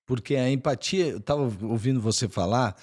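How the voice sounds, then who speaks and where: A man with a Brazilian Portuguese accent, a pastor hosting an interview, who affirms his guest warmly with short replies and then sums up his point. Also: medium pitch, brisk. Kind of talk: casual interview chat.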